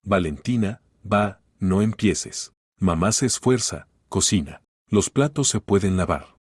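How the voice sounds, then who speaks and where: A man's voice: low-pitched, animated, measured pace, slightly rough, no echo, clean studio sound, full character voice. A man reading the lines of an awkward, evasive husband who tries to placate. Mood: placating. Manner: uneasy, placating.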